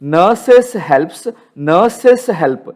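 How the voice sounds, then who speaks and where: A man with a Telugu accent walks through textbook grammar questions in a fairly high voice. He poses questions to his students, repeats the key rules and answers them himself. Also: lively intonation, moderate pace, darkish tone. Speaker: English teacher.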